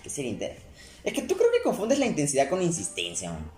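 A young man talks quickly in a loose, rambling way, breaking off and restarting his sentences. His pitch swings widely as he goes. The room sounds echoey, and faint music plays underneath. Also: huge pitch swings, a little mellow. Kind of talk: casual chat.

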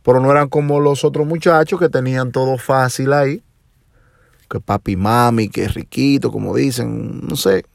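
A man's voice: mid-range voice, gravelly, dry recording, clean studio sound. A man in his forties with a Dominican Spanish accent, hosting his own podcast in a reflective monologue full of hesitations. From Dominican Republic. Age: 40s. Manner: slow, reflective, many hesitations. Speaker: podcast host. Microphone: phone or home microphone.

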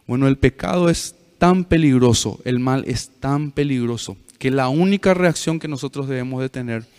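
A man's voice: on the high side, big-room sound. A male pastor preaching to a youth meeting, telling a story with frequent questions to the audience.

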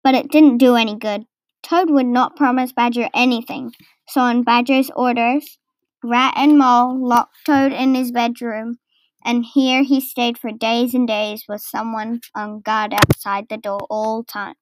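A woman reading a children's storybook aloud, slow and careful. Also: fairly high pitch, steady tone. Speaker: narrator.

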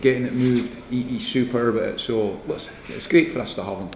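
A man's voice: mid-range voice, a little fast. A Scottish man giving a post-match interview as a football manager, plain-spoken, emphatic and full of praise. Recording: muffled, echoey, faint background noise.

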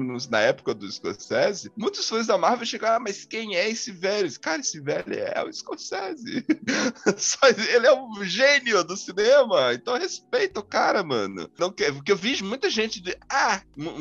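A Brazilian man hosts a casual film-review podcast, arguing his points with passion and street slang. His voice sits a little high and swings widely in pitch. The recording sounds dull and lo-fi. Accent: Brazilian Portuguese. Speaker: podcast host.

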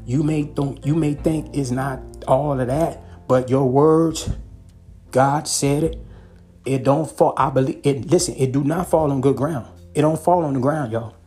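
A man's voice: medium pitch, steady tone, measured pace, warm tone, soft background music. Pleading man preaching a podcast sermon. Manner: repetitive, pleading, peppered with "okay" and "hallelujah".

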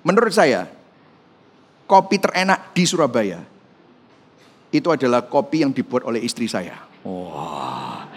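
A male pastor preaching a sermon, animated, acting out quoted people in shifting voices. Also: fairly high pitch.

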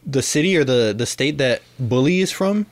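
A man's voice: mid-range voice, expressive, moderate pace. Rambling, cursing man on a podcast. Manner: swearing, rambling, laughing. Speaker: podcast co-host. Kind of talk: casual chat. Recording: faint background noise.

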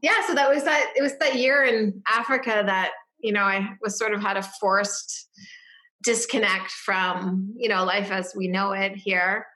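A woman's voice: medium pitch, steady tone, unhurried, sharp tone. A woman interview guest telling her life story in a reflective way, with frequent fillers and restarts. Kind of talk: casual personal storytelling.

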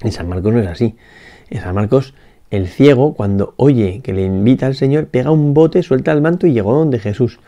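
Reflective man, mellow voice. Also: mid-range voice, normal speed. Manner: reflective, with frequent "¿no?" tags and restarts. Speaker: priest. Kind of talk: spoken gospel meditation.

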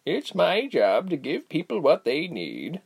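A man voicing an old, tired, wise female healer who speaks slowly, calmly and sternly. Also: on the high side, vocal fry, breathy edge, pitched above the performer's own voice, exaggerated voice. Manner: slow, calm, measured, stern. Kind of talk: audiobook character voice.

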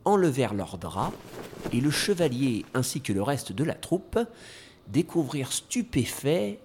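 A man narrating a storybook tale in a lively, playful way. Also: medium pitch, unhurried, slight background noise.

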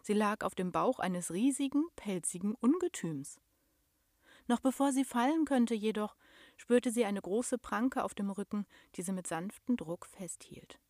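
A woman's voice: medium pitch, no room sound, studio quality. A young adult woman narrating a storybook expressively, sinking to a whisper at tense moments. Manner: expressive, slow, drops to a whisper. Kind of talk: storybook reading.

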